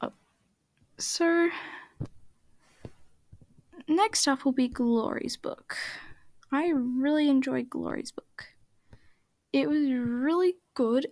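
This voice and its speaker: A woman with a high voice talks slowly through a relaxed voice-over while she draws. Her chat rambles and often sinks to a half-whisper, and the sound is dry and close. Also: no echo. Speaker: art channel creator. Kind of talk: casual voice-over while drawing.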